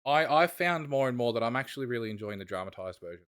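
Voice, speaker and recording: A man's voice: mid-range voice, expressive, quick pace, fairly bright tone, clear, resonant tone. A man chats on a casual podcast in a mid-range voice, rambling with enthusiasm. He trails off and restarts his thoughts as he goes. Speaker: podcast co-host.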